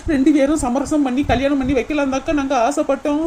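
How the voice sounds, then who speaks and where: Outspoken village woman, voiced by a woman, high and mellow, blunt and pushy. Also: fairly even intonation, quick pace, a little hiss or hum, natural voice. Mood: urging. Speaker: cartoon voice. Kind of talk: cartoon comedy dialogue.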